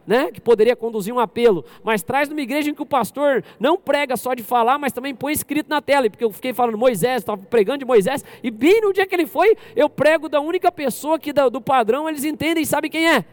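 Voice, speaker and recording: A man from Brazil preaching a lively sermon to his congregation as pastor, often questioning the crowd directly. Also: extremely high pitch, fast, hardly any pauses. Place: church service.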